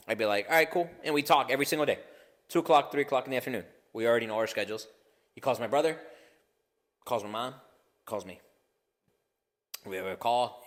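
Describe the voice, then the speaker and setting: A man's voice: medium pitch, fairly bright tone, in a large hall. A man co-hosting a casual podcast, talking in a loose, profane and laughing way with lots of restarts. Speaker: podcast co-host.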